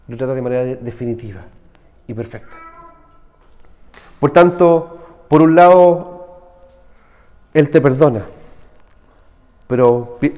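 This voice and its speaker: A man of medium pitch with a darkish tone preaches conversationally in a church hall, the big room audible around him. He is a pastor with a Chilean Spanish accent who keeps asking his listeners "¿cierto?" ("right?").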